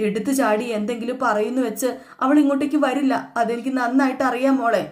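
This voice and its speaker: A woman's voice: a little high, steady tone, fast, lightly acted. A woman voicing a grieving middle-aged mother who pleads tearfully about her daughter. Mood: sorrowful. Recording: echoey room.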